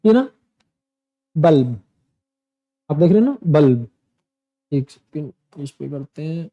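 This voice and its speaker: A man's voice: fairly high pitch, very animated, normal speed, highs cut off. A man teaching pronunciation in a lesson, drilling word lists aloud and asking and answering his own questions. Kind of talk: screen-share lesson.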